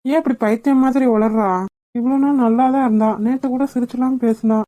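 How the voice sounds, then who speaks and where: A woman's voice: fairly high pitch, steady tone, fairly quick, mellow, no room sound, lightly acted. A woman voicing a persistent young man in a cartoon, teasing and puzzled by his beloved. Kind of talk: cartoon voice acting.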